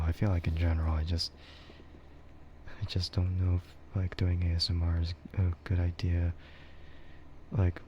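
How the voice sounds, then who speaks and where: A deep, mellow man speaks slowly in a whispered role-play ASMR stream, drifting through casual thoughts with soft chuckles and fillers. His low voice sits close to the mic. The sound is a little muffled, with a faint hiss underneath. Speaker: VTuber streamer.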